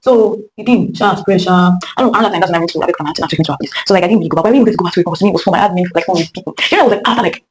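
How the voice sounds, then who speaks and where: A woman's voice: on the low side, racing, hardly any pauses, rough recording. A young woman with a Nigerian accent, rambling chattily through a casual storytime monologue with many fillers and restarts. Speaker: vlogger.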